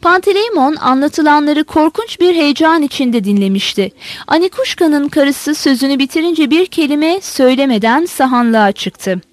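A woman narrating a novel as an audiobook in a measured storytelling manner. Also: sits high, lively intonation, dry recording.

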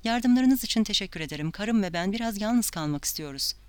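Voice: mid-range voice, animated, a little fast, clean tone, no echo, natural voice. A reader voicing a confused male professor in an audiobook, asking puzzled questions. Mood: curt.

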